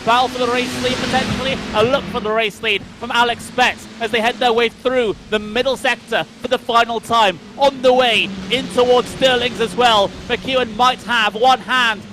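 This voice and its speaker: A man with a British accent calling a sim racing finish live, as rapid play-by-play that turns breathless at the end. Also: very high-pitched, steady tone, background noise. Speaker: race commentator. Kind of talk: excited live race commentary.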